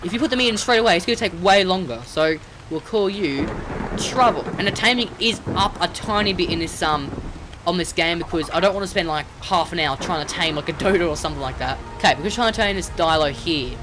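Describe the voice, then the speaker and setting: A host giving let's-play game commentary, excitable, scolding and coaxing the animals on screen, recorded at a desk mic. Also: mid-range voice, brisk, background noise. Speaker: gaming channel host. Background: game music.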